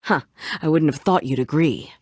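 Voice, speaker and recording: This dramatic video game performance features a woman's low, slightly mellow voice with a breathy edge at normal speed. She voices a bitter, world-weary survivor set on revenge, brooding, curt and dryly sardonic, in studio-quality audio without echo.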